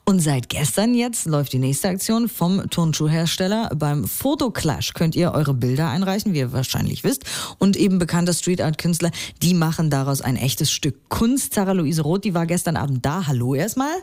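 A woman's voice: low-pitched, lively intonation, normal speed, hardly any pauses, darkish tone. A woman radio host moderating a segment, speaking directly and friendly to the listeners.

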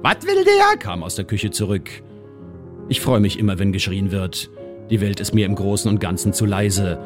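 A man, the station's resident poet, reading his own comic short story aloud in a radio studio, with a dry, deadpan delivery and sudden high voices for the quoted characters. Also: moderate pace, over music.

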